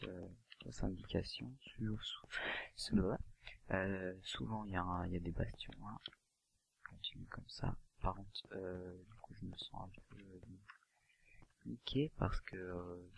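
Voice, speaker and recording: A man giving casual gameplay commentary, talking quietly and often half-whispering because it is late at night. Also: low-pitched, vocal fry, noisy background. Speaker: let's play gamer.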